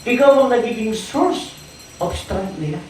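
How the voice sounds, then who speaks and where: A preacher giving a sermon in a church, calling out to the congregation for amens and swinging between loud bursts and quiet lines. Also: animated, a little slow, faint music behind. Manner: call-and-response, asking the congregation for amens; swings from loud exclamations to low quiet phrases. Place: church hall. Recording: very echoey hall, voice from far off.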